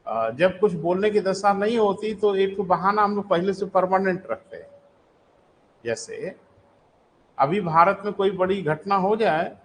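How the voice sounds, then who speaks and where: A male teacher with a fairly high voice running a live online class. He dictates notes slowly and keeps checking in with his students, calling them "beta". Faint noise runs underneath. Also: fairly bright tone, poor audio.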